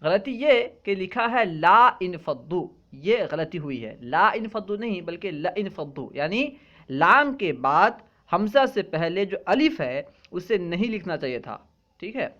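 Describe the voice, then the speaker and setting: A man's voice: sits high, sing-song, bright, forceful tone. A man teaching a lesson in a patient, explanatory way, often checking in with his students. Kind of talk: classroom lecture. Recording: dull lo-fi recording.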